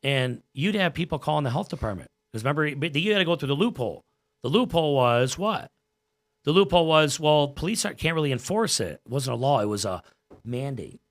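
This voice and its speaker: On a casual podcast, an earnest American man in his forties, a gym owner and coach, speaks a little fast. His voice sits on the high side and is very animated.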